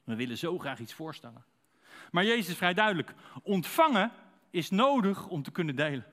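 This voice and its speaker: A man's voice: high voice, sing-song, brisk, fairly bright tone. A man preaching a sermon to a congregation, speaking conversationally and asking them direct rhetorical questions.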